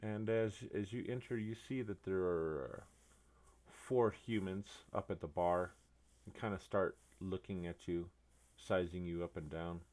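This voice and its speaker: A man narrating as game master of a tabletop game, unhurried and halting with fillers. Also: low-pitched, darkish tone.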